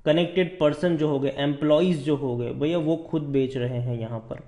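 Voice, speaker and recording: A man's voice: on the high side, steady tone, moderate pace, warm tone. A man giving casual stock market commentary, talking viewers through charts, repeating words for emphasis and addressing them as brother. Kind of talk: casual stock analysis over screen charts.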